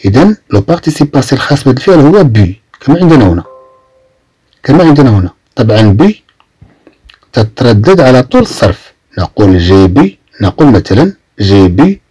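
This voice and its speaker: Low husky Moroccan man teaching French. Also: a little mellow, no room sound. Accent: Moroccan Arabic. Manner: repeats each phrase slowly, then translates it. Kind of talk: explaining vocabulary in a lesson.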